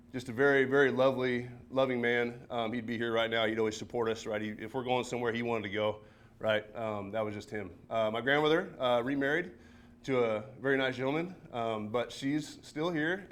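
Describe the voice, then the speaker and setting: A man in his early forties, a high school football coach, giving a personal talk at a seminar in a church, chatting with many fillers and tag questions. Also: fairly quick. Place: church meeting room.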